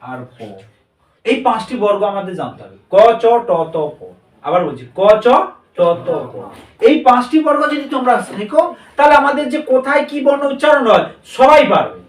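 In an echoey room with a distant mic, a very high-voiced male teacher runs a grammar lesson. He fires call-and-response questions at the students and echoes their answers back to them.

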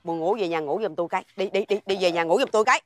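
A woman's voice: lowish voice, very fast, lightly acted. A woman in a comedy sketch playing an exasperated neighbor who scolds and sighs. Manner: scolding, exasperated, sighing "trời ơi".

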